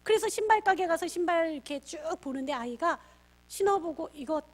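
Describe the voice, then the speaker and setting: A woman's voice: very high voice, a little fast. A middle-aged woman pastor giving a lecture on parenting, telling family stories and acting out what each person said. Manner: lively storyteller acting out quoted family dialogue. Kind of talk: storytelling lecture for parents and teachers.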